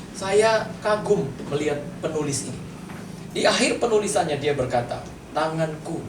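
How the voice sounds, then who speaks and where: A male pastor preaching a sermon and talking straight to his congregation in a plain, conversational way. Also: fairly high pitch. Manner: conversational, addresses the congregation directly. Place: church hall. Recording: echoey hall, mic from far off, noisy.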